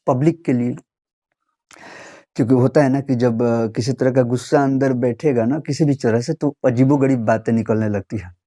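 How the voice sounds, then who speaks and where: Young man from Bihar, vlogger; mellow, warm tone, earnest and appealing, speaks directly to his audience. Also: medium pitch. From Bihar, India. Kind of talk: earnest direct-to-camera commentary.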